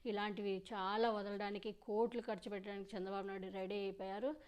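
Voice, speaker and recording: A woman's voice: medium pitch, level tone, quick pace, darkish tone, clean tone. A woman giving insistent political commentary on her channel, repeating her warnings.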